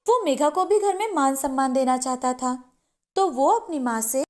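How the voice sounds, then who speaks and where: High-voiced woman narrating a cartoon story. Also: lively intonation, normal speed.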